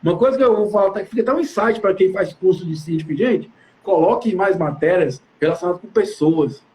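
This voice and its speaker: A man's voice: sits high, animated, fairly quick, darkish tone, slight background noise. A man from Brazil, a building manager, chatting animatedly and casually on a live stream, slangy and talking straight to his audience.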